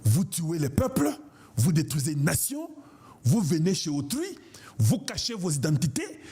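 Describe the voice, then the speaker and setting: A man's voice: fairly high pitch, huge pitch swings, normal speed, dark tone, breathy edge. A man from Congo, giving an impassioned political monologue in an emphatic, declamatory way and repeating himself for emphasis. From Congo (DRC). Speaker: online political commentator.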